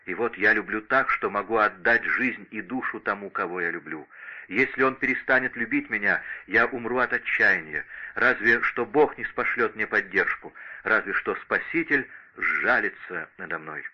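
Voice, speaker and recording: A man's voice: on the low side, moderate pace, dull audio, natural voice. Man reading as a pleading young noblewoman. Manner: impassioned, imploring. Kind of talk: audiobook character reading.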